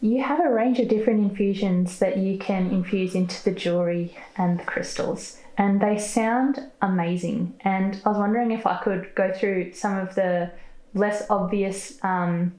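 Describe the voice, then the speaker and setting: A woman's voice: medium pitch, steady tone, moderate pace, dark tone. A woman interviewer who asks questions attentively and affirms what she hears. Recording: roomy echo.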